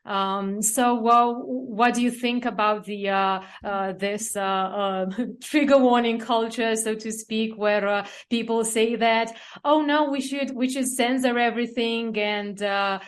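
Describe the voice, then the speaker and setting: A woman with a Romanian accent, a podcast co-host asking interview questions in a halting way, filled with uhs. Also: on the high side, steady tone.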